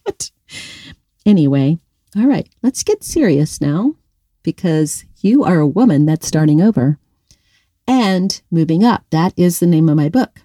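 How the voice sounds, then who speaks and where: A woman's voice: fairly low pitch, expressive, measured pace, warm tone, no room sound, studio quality. A middle-aged woman giving an upbeat motivational talk to women, speaking directly to the listener and laughing often.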